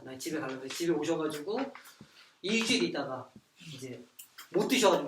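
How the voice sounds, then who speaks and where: A man's voice: fairly high pitch, far from the mic. A middle-aged man teaches a church Bible class, telling his stories with animation and slipping into the voices of the people in them. He sounds set back from the microphone in a reverberant room, with a faint hiss of noise underneath. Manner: animated storytelling, acting out quoted speech. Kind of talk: church Bible study lecture.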